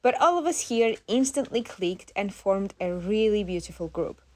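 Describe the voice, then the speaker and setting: A woman's voice: mid-range voice, expressive, normal speed, noisy background. A young woman travel vlogger, chatty and self-amused, narrating a mountain hike and chatting with people she meets. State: out of breath at times. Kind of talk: vlog narration and chat while hiking. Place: mountain trail outdoors and guest house.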